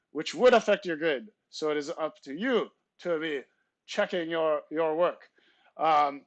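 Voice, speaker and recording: A pompous Frenchman standing in as substitute teacher, as a male teacher puts him on, with a put-on, over-the-top French accent and a fairly high voice. He reads out the class notices in stiff, formal phrases with theatrical flourishes. The sound is dry and close. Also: a bit bright, no room sound. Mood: announcing. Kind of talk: comic class announcements in character.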